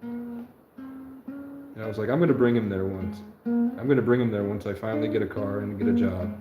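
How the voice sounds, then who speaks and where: Loud music plays behind a man in his twenties as he rambles earnestly on a livestream, meandering and often correcting himself. He speaks fairly quickly with a lowish voice and lively intonation. The recording sounds muffled, in an echoey room with faint noise.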